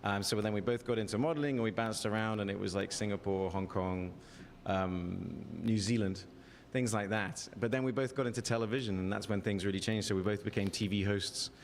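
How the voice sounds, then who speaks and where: A man in his forties with a softened English accent, chatting as a guest on a live show, self-mocking and quick to laugh at his own jokes. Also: lowish voice, in a large hall, slight background noise. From England. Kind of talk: casual live interview.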